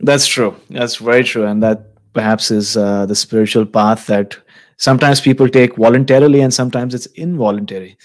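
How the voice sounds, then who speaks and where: Measured man hosting an interview. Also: medium pitch, steady tone. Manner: thoughtful, measured, affirming. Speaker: podcast host. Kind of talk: casual interview. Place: small indoor room. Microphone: studio mic with headphones.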